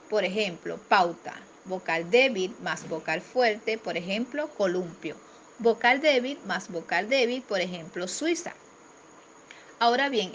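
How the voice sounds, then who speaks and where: A woman teacher reading a grammar lesson aloud in a steady, careful way, slowing down for example words. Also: on the high side, a little hiss or hum.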